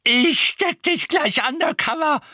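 A man reading aloud and voicing an old woman with a shrill, screeching voice, scolding and impatient. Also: sing-song, normal speed, no room sound, clean studio sound. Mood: furious.

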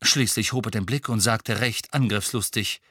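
A man narrating an audiobook in an expressive, measured way. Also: fairly low pitch, slightly rough, no echo, studio quality.

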